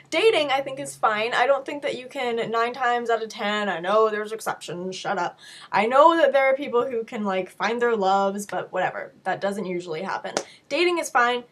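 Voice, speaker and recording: A young woman speaks in a fairly high voice that is touched by sickness. She chats informally to her viewers as she answers questions. Her delivery is frank and conversational, with playful asides. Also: a bit bright. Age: young adult. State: sick with a cold-affected voice. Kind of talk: casual chat to camera, Q&A.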